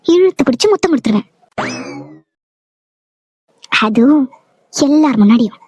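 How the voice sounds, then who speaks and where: Feisty young village wife, sharp tongue, very high pitch, dry booth sound; woman voices her. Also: dry recording. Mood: teasing threat. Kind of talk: cartoon voice acting.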